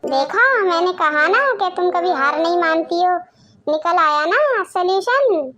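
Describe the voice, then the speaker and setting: A woman voicing an easygoing husband who coaxes his wife and avoids conflict, in an animated family drama. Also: extremely high pitch, unhurried, slight background noise, exaggerated voice. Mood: coaxing. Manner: coaxing, laid-back. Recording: dull, lo-fi audio.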